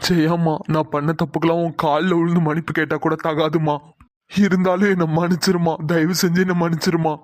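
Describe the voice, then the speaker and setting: A man's voice: a little high, little pitch movement, brisk, dry recording, studio quality, lightly acted. A man voicing an emotional older chairman in a cartoon, begging his lost sister's forgiveness. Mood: tearful. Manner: emotional, imploring. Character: tearful older chairman, long-lost woman's brother. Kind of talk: cartoon voice acting.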